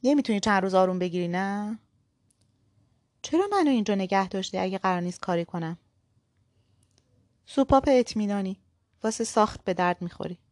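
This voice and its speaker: A woman's voice: medium pitch, expressive, long pauses, darkish tone, dry recording, studio quality, lightly acted. Woman reading as a curt, impatient man. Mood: taunting. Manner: blunt, impatient, short replies. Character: curt irritable man, a cold boss.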